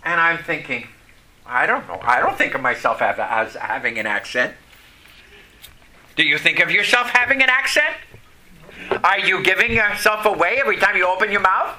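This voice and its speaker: This folksy preacher from Vermont, USA, whose native tongue is French, speaks in a high, sing-song voice that sounds pushed and bright. He pauses between phrases and frequently questions his congregation. The recording is low quality, with a slight hiss or hum.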